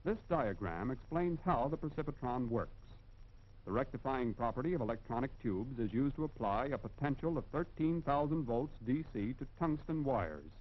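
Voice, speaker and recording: 1940s American film narrator, dull vintage sound. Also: male voice, mid-range voice, animated. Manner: formal, instructive, measured emphatic delivery.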